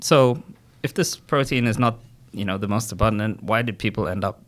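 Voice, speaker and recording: A man's voice: fairly low pitch, normal speed. A man co-hosting a casual podcast, explaining things patiently with analogies and frequent fillers. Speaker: podcast co-host explaining nutrition.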